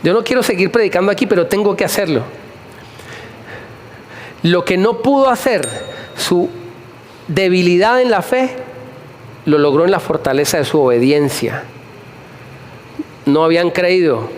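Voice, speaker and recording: High-voiced preacher, animated and repetitive. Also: male voice, normal speed, pauses often, a little hiss or hum. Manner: animated, repeating phrases and asking the congregation questions. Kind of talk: sermon. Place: church hall before a congregation.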